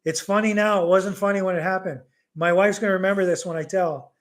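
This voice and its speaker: High-voiced man telling a lively story. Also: fast. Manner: lively storyteller who drops local Bisaya words into his English. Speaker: livestream host. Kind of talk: casual live Q&A chat and storytelling.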